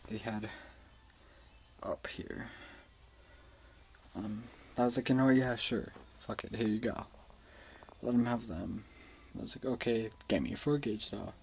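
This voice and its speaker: A man's voice: lowish voice, steady tone, measured pace, vocal fry, darkish tone, slight background noise, rough recording. A young man rambling through a personal story in a casual vlog, swearing often and using lots of fillers. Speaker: vlogger.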